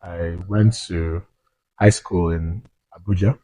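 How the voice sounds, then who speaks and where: A young man from Nigeria, a founder guest in an interview, speaking modestly and relaxed, with many fillers. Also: sits low, takes it slowly, dry recording, low-quality recording. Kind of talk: casual interview chat.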